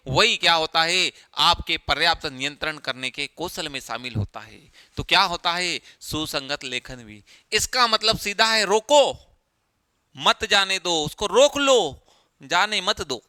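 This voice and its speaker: Bright, crisp-voiced male teacher. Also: sits high, dry recording. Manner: explains step by step, repeats key phrases, asks rhetorical questions. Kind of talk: exam-prep lecture.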